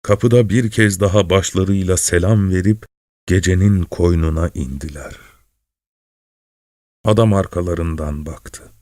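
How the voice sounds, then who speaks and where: A man reads a story aloud slowly in a low, mellow voice. His delivery stays calm and measured throughout. The recording is close and dry. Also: dry recording. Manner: calm, measured, soft-spoken. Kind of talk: slow literary story reading.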